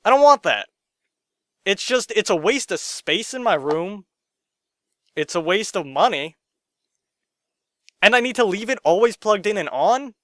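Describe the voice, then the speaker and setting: A young man ranting to camera in his room, sarcastic and profane, jumping from loud outbursts to muttered asides. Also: high voice, expressive, measured pace, long pauses, no echo, studio quality. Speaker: gaming vlogger.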